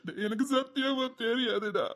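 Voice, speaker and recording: A man's voice: extremely high pitch, normal speed, a bit bright. An actor with a Tirunelveli accent playing a grieving retired soldier who cries and pleads for forgiveness from his dead friend. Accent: Tirunelveli Tamil. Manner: sobbing, pleading apologies. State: crying. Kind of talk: web series drama acting.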